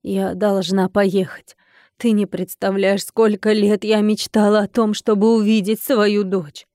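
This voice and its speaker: A woman's voice: mid-range voice, little pitch movement, measured pace, dark tone, no room sound, studio quality, close to an everyday voice. A woman voicing an earnest, emotional middle-aged woman innkeeper in an audiobook. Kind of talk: audiobook character reading.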